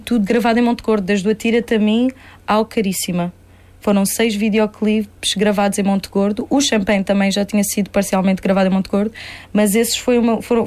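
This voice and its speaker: A lively young singer-songwriter chats as a guest in a casual interview, animated, laughing often, and mixing in English fillers. Born in Portugal and raised in a Spanish-speaking home, she speaks Spanish as her first language, and her voice is medium-pitched.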